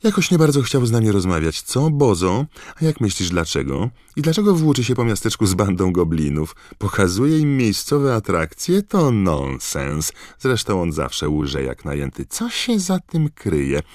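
A man's voice: on the low side, big pitch swings, normal speed, few pauses, a little mellow, no room sound, clean studio sound, pitched above the performer's own voice. A man voicing a scheming, fawning female gossip reporter in an audiobook, pushy and sly. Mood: prying. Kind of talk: audiobook character voice.

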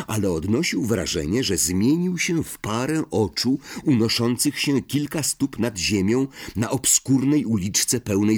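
A male audiobook narrator with a fairly low, husky voice. He reads expressively, and his pitch rises and falls in a lively way throughout the narration. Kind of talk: audiobook reading.

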